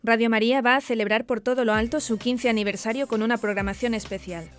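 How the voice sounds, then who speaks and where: This news presenter is a woman whose fairly high voice stays steady. She reads the script in a measured, formal manner while background music plays distinctly.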